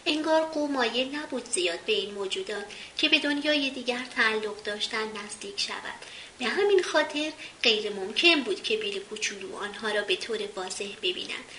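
A woman reading a children's storybook aloud in a gentle, measured way, in a roomy recording with faint hiss. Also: fairly high pitch.

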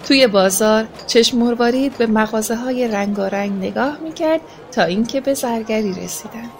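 A woman narrating a children's story in a gentle, expressive reading voice. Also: a little high. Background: faint music.

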